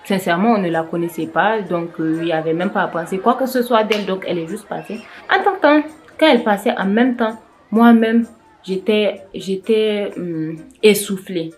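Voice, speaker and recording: A woman's voice: mid-range voice, a little mellow. Tired young woman, rambling storytime. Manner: rambling, with frequent restarts and self-corrections. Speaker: vlogger telling a personal story. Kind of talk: casual storytime vlog.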